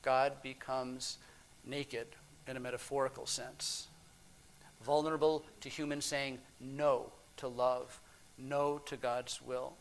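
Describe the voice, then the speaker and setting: A man preaching a sermon, swinging between hushed, drawn-out phrases and emphatic, raised passages. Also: mid-range voice, level tone.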